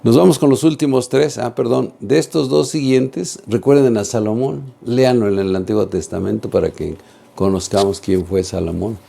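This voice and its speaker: A man's voice: mid-range voice, moderate pace, creaky, mellow, slight background noise. A man giving an earnest religious teaching talk, speaking straight to viewers and asking them questions. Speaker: catechist.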